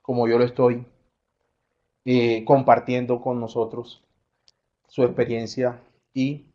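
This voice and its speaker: Brief: middle-aged man, Colombian coastal accent, chatty conference speaker, mid pitch, slightly dull recording. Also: flat delivery, takes it slowly. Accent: Colombian coastal Spanish. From Colombian Caribbean coast. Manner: conversational, with frequent fillers and self-corrections. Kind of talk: conference talk.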